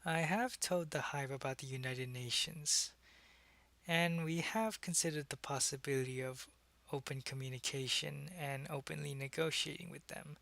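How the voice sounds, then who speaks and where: With a creaky, a little high voice that's pushed and bright, a man speaks at normal speed with no echo. He portrays an earnest, secretive alien agent in an ASMR roleplay, addressing a human listener in a hesitant, explanatory, intimate monologue.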